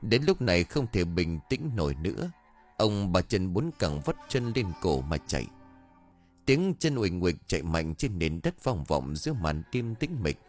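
A man reads a horror story aloud with a dramatic, suspenseful delivery. His low voice moves up and down through a wide range. Quiet music runs behind him. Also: big pitch swings, a little slow. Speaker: audiobook narrator. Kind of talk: scripted horror story narration.

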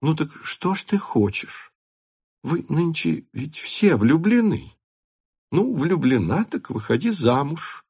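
A man playing a weary, soft-spoken countess. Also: fairly low pitch, big pitch swings, slow pace, vocal fry, husky, no room sound, clean studio sound, heavily acted. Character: weary middle-aged countess, dry and patient.

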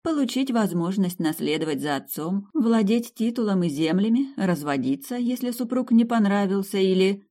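A woman voicing a young noble dragon countess in an audiobook, soft, candid and a little shy. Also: mid-range voice, expressive, normal speed, few pauses, voice pushed up, natural voice. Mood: hushed.

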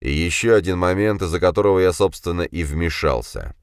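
A hooded stranger from another world speaks in a low, deliberate murmur, played by a male reader. His voice sits very deep, with dry, close sound and no room around it. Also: animated, clean tone, no echo. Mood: calm. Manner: quiet, measured, slow. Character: mysterious hooded male otherworldly guide.

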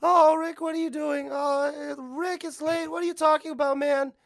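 A man voicing a nervous teenage cartoon boy in a high, strained, stammering voice. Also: little pitch movement, moderate pace, vocal fry, a bit bright, no echo, clean studio sound, exaggerated voice. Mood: flustered.

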